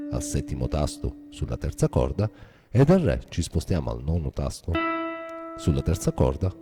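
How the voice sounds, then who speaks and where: A man giving a guitar lesson, explaining a scale step by step in a methodical way. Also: a bass voice. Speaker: guitar teacher. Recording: guitar playing behind voice.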